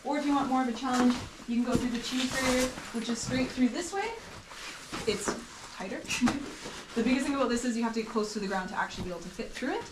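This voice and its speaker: A woman's voice: fairly high pitch, fast. A woman working as a tour guide explains things casually inside a cave, with cave echo around her voice. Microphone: camera mic held by a tour member. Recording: echoey cave, distant mic, background noise.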